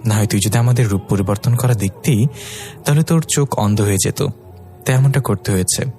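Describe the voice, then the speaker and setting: Stern fairy king dad, man doing it, gruff and bossy, soft music behind. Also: fairly low pitch, a little fast, close to an everyday voice. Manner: commanding, gruff.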